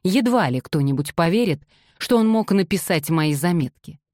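Curt exasperated young gentleman, deep dry voice, voiced by a woman narrator. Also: expressive, moderate pace, no room sound, lightly acted. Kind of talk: audiobook character reading.

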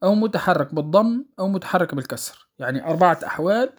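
Male recitation teacher, patient lesson delivery, measured pace with pauses and fillers. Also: sits high, lively intonation. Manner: checks understanding with the listener, drawing out sounds to demonstrate. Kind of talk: spoken lesson on recitation rules.

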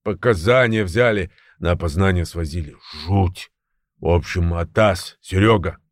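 A man voicing a panicked young male thug calling his friend, agitated and shouting. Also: deep voice, measured pace, no echo, clean studio sound.

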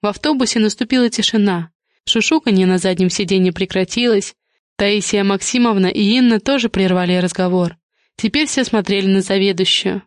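Steady woman audiobook narrator. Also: medium pitch, a little fast, dry recording, studio quality. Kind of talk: scripted narration.

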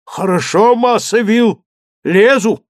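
A man's voice: sits high, slow, no room sound, studio quality, pitched above the performer's own voice. A man voicing an old male servant, simple and fearful, calling down in a plaintive, wheedling drawl. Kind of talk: audiobook character voice.

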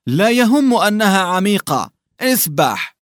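A man's voice: sits high, very animated, a little slow, no room sound, studio quality, voice pushed up. A man voicing a young hunchbacked peasant who barks orders and scolds while shivering with cold. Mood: bossy, shivering.

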